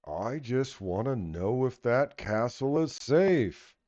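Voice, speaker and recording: A man voicing a big, friendly, earnest frost giant in a tabletop game, deep and booming, with a halting gentle-giant way of talking. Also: big pitch swings, no echo. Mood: earnest, concerned. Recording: slightly dull, muffled audio.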